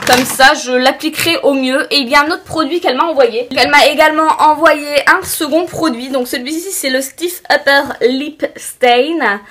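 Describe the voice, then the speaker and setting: A young woman reviewing makeup products in a casual, chatty way, often pausing with fillers. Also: high voice, a bit bright. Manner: chatty, hesitant with many fillers. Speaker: beauty vlogger.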